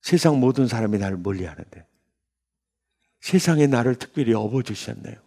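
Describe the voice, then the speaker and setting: A man in his sixties, a pastor, telling his testimony in a sermon with emotional storytelling that jumps into high bursts. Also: lively intonation, fairly quick, creaky, mellow. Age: 60s. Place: church sanctuary.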